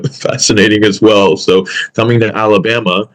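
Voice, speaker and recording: A man in his thirties from the United States, whose first language is Arabic, talks reflectively as a podcast guest in a casual interview chat, with many fillers and restarts. His voice is fairly low-pitched, with fairly even intonation and a moderate pace.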